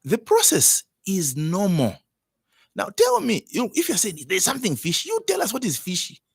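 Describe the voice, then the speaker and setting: Zambian man, political interview guest, fairly high voice, dry close sound, emphatic, repetitive. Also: wildly swooping pitch, normal speed, vocal fry, husky, no echo. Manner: emphatic, repeats words and phrases.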